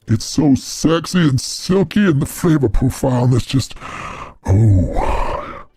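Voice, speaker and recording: A man doing a husky, dark-toned lover's voice that croons and swoops in a seductive way, rising and falling widely as it drawls over a glass. The sound is dry and close, with no room around it. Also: medium pitch, dry recording, pitched below the performer's own voice, exaggerated voice. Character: sultry male lover crooning to his tequila.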